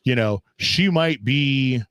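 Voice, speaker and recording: A man's voice: medium pitch, takes it slowly, fairly bright tone, clean tone, dry recording. A man in his fifties co-hosting a casual talk show, rambling with lots of fillers and restarts. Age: 50s. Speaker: podcast co-host. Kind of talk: casual chat.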